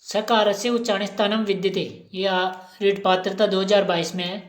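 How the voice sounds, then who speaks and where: A woman's voice: medium pitch, flat delivery, normal speed. A woman teacher giving an exam-prep lesson, asking questions and repeating each answer aloud. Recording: roomy echo.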